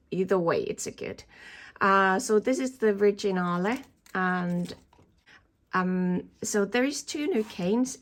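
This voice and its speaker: A woman giving a casual tour of her indoor plants, thinking aloud and often correcting herself. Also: medium pitch. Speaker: hobby plant grower showing her collection. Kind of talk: casual show-and-tell video tour. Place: indoor plant growing space.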